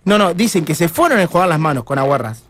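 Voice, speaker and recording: Animated Argentine man making a prank call. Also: a little high, fast talker. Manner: feigns fluster, apologetic, animated. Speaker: radio prank caller.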